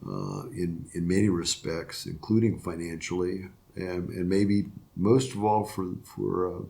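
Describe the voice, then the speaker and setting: Low, animated, gravelly and dark, the voice belongs to an older man retiring as a circuit court judge in Florida, USA. Reflecting on interview questions, he's halting, with many restarts and fillers.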